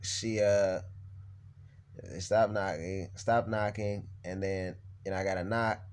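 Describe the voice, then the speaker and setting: A man's voice: deep voice, fairly even intonation, takes it slowly, smooth. A young man vlogging, telling a personal story in a blunt, heated, profane rant.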